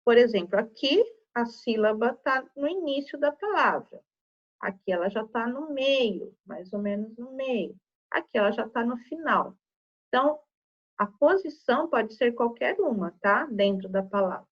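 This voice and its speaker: Brazilian woman teacher, slightly high voice, slow and patient, sounds out syllables for children; dull lo-fi recording. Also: animated. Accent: Brazilian Portuguese. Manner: slow, patient, stretches out example words syllable by syllable. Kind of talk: recorded Portuguese spelling lesson for children.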